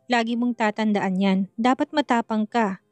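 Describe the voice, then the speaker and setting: A woman's voice: fairly high pitch, fairly even intonation, moderate pace, darkish tone, no echo, natural voice. A woman voicing a stern older mother-in-law. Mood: tender. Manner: firm, scolding yet tender. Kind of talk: storybook narration. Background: faint music.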